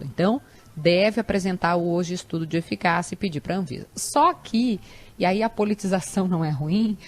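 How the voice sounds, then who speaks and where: A woman co-hosting a radio talk show, explaining the news in a loud, hopeful, conversational way. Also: on the low side. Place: radio studio.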